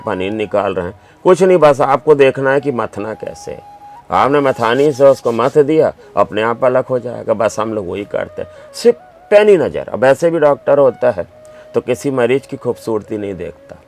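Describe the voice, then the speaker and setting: Man, doctor guest, emphatic anecdotes, middle pitch, faint background music. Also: a little mellow. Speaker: doctor and writer, interview guest. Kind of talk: conversational interview answers.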